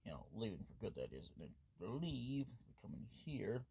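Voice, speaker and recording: A man's voice: lowish voice, big pitch swings, normal speed, vocal fry, dark tone, slight background noise. A man doing gameplay commentary, casually rambling and reading the game's text aloud, punctuation included. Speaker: let's play host.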